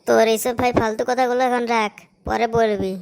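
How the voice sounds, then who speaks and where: Cartoon: woman playing a nagging young male friend; fairly high, gravelly, insistent. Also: little pitch movement, fairly quick, darkish tone. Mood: urging. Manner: insistent, hurrying, bossy. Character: pushy young village guy, nagging friend. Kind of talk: animated cartoon voice acting.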